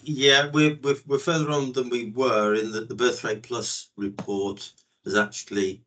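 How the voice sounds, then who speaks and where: A man giving a formal meeting update on a video call in a halting way, often repeating words. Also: mid-range voice, flat delivery, a bit bright. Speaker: non-executive director giving an update.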